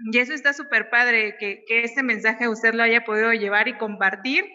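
Bright-voiced woman interviewing, hesitant. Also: on the high side, steady tone, moderate pace. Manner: hesitant, repeats words while asking. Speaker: podcast host. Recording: lo-fi audio with long reverb.

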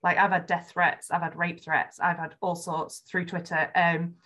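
Appearing as a podcast guest, a Yorkshire woman with a matching accent speaks earnestly and frankly in a conversational interview, filling gaps with frequent ums. Her lowish, slightly bright voice has little pitch movement and a moderate pace.

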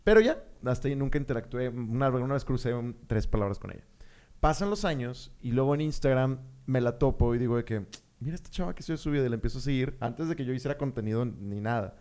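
A young man with a Mexican Spanish accent, a podcast co-host telling a story in casual chat, animated, full of slang and swearing, acting out his own reactions. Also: medium pitch, fast talker, clean tone.

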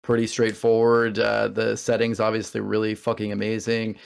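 A man's voice: on the low side, monotone, normal speed, vocal fry, clear, resonant tone. A man on a podcast panel, chatting casually in a rowdy, profane way and laughing often. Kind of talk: casual chat.

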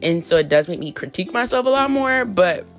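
A woman's voice: on the low side, lively intonation, fairly quick, faint music behind. A woman in her thirties hosting a solo podcast, talking candidly and frankly in a chatty way full of fillers, with hiccups and coughs. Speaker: podcast host. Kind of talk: casual solo podcast monologue.

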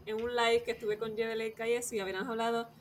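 A woman's voice: fairly high pitch, level tone, quick pace, background noise. A woman hosting a casual faith podcast, talking reflectively and laughing easily. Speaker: podcast host.

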